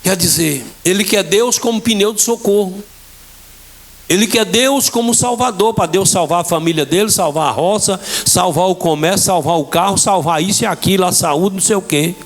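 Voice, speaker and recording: A man's voice: high voice, normal speed. A middle-aged man with a Bahian accent, preaching a fervent sermon in a church and telling his testimony, acting out the dialogue in it. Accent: Bahian Portuguese. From Bahia, Brazil. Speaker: pastor.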